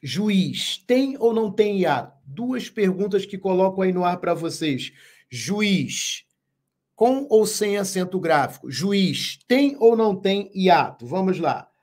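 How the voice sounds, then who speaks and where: A man teaching a live online grammar lesson, speaking slowly and emphatically, repeating key words and asking viewers questions. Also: high voice, expressive, darkish tone. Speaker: Portuguese teacher.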